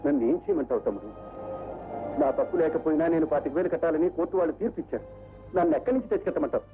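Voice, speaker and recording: A beaten-down elder brother, low and weary, hiding from debts. His voice comes through tinny, narrow film sound. Music plays underneath. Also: very animated, rapid-fire, creaky. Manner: downcast, weary.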